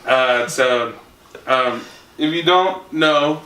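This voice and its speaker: A man's voice: medium pitch, extremely slow, pushed and bright. Young man, podcast host, casual, chuckling, rambling, faint noise. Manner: laid-back, chuckles, rambling fillers. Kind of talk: casual chat. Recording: echoey room from far off, faint noise.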